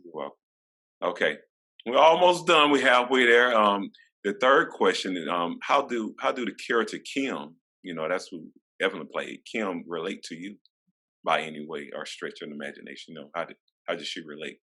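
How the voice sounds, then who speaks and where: A man hosts a casual interview in a very low voice. His tone is bright and forceful, and he keeps the talk warm and encouraging with plenty of fillers. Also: moderate pace. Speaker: interview host.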